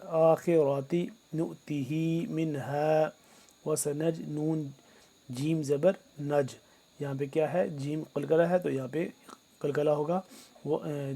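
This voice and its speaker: A man teaching tajweed in Urdu, who recites verses slowly and loudly and then explains the rules quickly and quietly, asking his students questions. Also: a little high. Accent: Pakistani Urdu.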